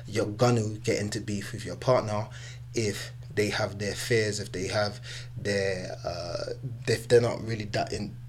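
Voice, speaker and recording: A man's voice: on the low side, fairly even intonation, unhurried, slight background noise. A man with an urban London street accent, answering casually as a podcast guest, emphatic and often checking he is understood. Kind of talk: casual conversational interview answers.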